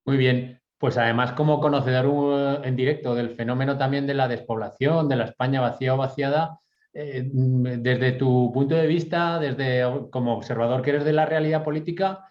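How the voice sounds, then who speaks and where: A man's voice: medium pitch, steady tone, moderate pace. Hesitant male interviewer, muffled sound. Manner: hesitant, many fillers and restarts. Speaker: interviewer for a local news outlet. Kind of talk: interview questions.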